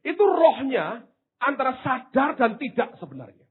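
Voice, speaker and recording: A man preaching a sermon, swinging from hushed asides to loud exclamations, with casual slang jokes. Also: very high-pitched, big pitch swings, normal speed. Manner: drops into casual Javanese-flavoured slang for humour. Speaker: pastor. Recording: tinny phone-like sound.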